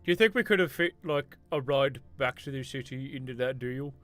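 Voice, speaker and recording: A man talking through a tabletop game with a laid-back, drawn-out delivery. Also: medium pitch, a bit bright, faint music behind.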